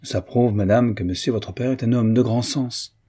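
A male reader voicing a joking aristocratic gentleman in a spoken novel. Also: mid-range voice, moderate pace, breathy edge, natural voice. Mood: bantering. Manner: bantering.

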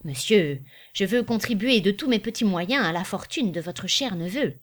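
A woman doing a loud, bombastic salesman. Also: mid-range voice, animated, moderate pace, close to an everyday voice. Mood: boisterous. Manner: bombastic, declamatory. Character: boisterous male traveling salesman, loud and showy.

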